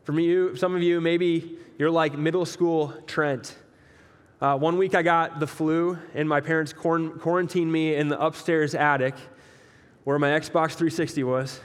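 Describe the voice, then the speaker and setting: A young man preaching a casual, conversational sermon, relaxed and joking as he talks straight to the listeners. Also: a little high, measured pace, clear, resonant tone. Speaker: pastor. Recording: long echo of a large hall.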